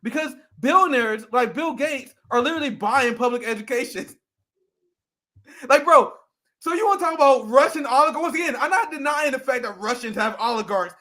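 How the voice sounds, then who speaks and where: Heated high-voiced man ranting. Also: expressive, a little fast, pushed and bright. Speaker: co-host. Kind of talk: political commentary podcast.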